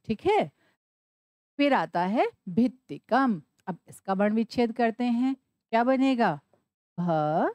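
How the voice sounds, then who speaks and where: Slow, lively woman teacher, spelling aloud. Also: on the high side, no echo. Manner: spells words out slowly letter by letter, asking and answering her own questions. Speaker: Sanskrit teacher. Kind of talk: classroom explanation.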